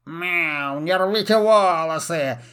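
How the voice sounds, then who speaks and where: A man's voice: on the high side, slow, pushed and bright, clean tone. A man voicing a gloomy, grumbling male cat who meows between words, in a storybook reading. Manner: grumbling, meowing.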